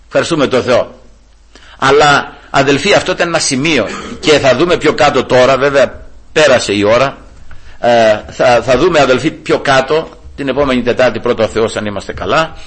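Husky, bright-voiced man preaching. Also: mid-range voice. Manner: animated storytelling, rising loud for retold shouts; repeatedly addresses listeners as brothers. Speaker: pastor. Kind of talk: Bible study sermon.

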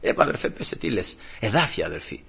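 Preacher guy telling a story to the congregation, bright punchy tone, kinda raspy. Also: on the low side, big pitch swings. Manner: storytelling, exclaims praise and quotes scripture. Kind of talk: sermon.

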